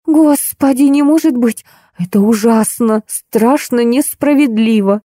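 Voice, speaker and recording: A woman's voice: fairly high pitch, unhurried, warm tone, no room sound, clean studio sound, voice pushed up. A woman reading an audiobook, voicing a plump, weepy young office clerk who grumbles plaintively. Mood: tearful.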